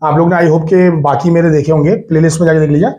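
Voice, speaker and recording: A man's voice: a little high, little pitch movement, fast talker, mellow, dull audio. Chatty Indian male physics teacher. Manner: chatty, repeats phrases, mixes English terms into Hindi, teasing. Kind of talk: recorded exam-prep lecture.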